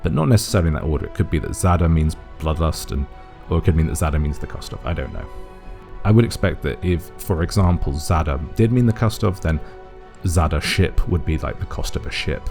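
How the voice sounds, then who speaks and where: A man's voice: extremely low pitch, a little fast, creaky, darkish tone, soft background music. A man narrating a methodical video essay, reasoning aloud and offering cautious guesses. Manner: methodical, speculative, thinking aloud. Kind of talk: analytical voice-over explainer.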